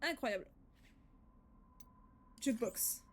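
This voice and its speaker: A woman's voice: a little high, animated, takes it slowly. A woman doing casual live let's play commentary as a game streamer, informal, chatty and affectionate with her viewers. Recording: faint game music behind.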